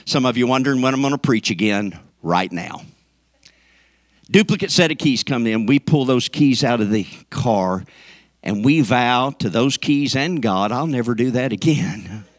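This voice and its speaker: A man's voice: mid-range voice, expressive, normal speed, dry recording, clean studio sound. A man preaching a sermon to his congregation, folksy and joking, swinging up into emphatic peaks. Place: church sanctuary.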